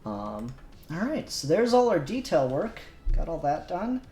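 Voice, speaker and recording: Working on a 3D model during a livestream, this streamer talks casually, mumbles to themselves, and swears now and then. Their medium-pitched voice is a little mellow, and the room echoes with music in the background.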